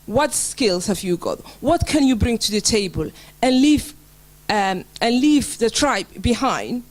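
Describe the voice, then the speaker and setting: A woman's voice: fairly high pitch, lively intonation, a little slow, rough recording. Earnest hesitant woman panelist from Somaliland. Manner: hesitant, many fillers and restarts, earnest. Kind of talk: panel speech.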